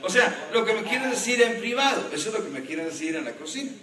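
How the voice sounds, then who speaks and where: A man, a pastor, preaching a sermon in an animated way and joking with the congregation. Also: sits high, fast talker, a crowd in the background. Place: church. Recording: echoey church hall from a distance.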